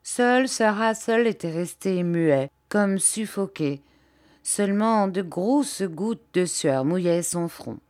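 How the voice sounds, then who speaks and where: A woman reads a novel aloud as an audiobook narrator, her scripted delivery measured and expressive. Her voice sits in the mid-range, and the recording is clean studio sound with no room noise.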